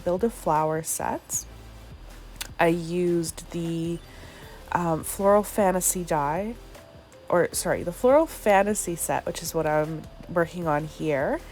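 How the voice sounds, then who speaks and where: Congested woman narrating a craft tutorial. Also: on the low side. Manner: relaxed, chatty, with fillers. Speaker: craft channel host.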